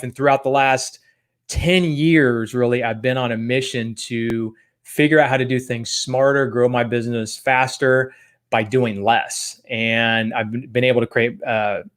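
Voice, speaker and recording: An upbeat man leads a live-streamed business training from his home office. He talks in a loose, rambling way, full of fillers, in a mid-pitched voice.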